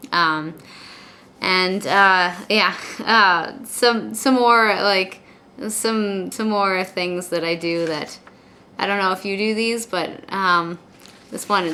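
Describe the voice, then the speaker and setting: A woman with a bright, forward voice at a middle pitch talks casually, as if confiding to a friend on a video blog. Her R's are soft and slightly W-like. She rambles and doubles back, repeating words before she finishes a thought, over faint background noise. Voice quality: soft, imperfect R sounds, leaning toward W. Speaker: video blogger. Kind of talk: casual confessional chat to camera.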